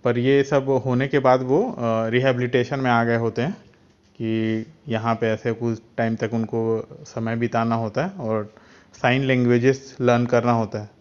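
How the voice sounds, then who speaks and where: Male film channel host, smooth monotone voice, lo-fi recording, casual plot recap. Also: medium pitch. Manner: unhurried, halting retelling. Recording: dull lo-fi recording.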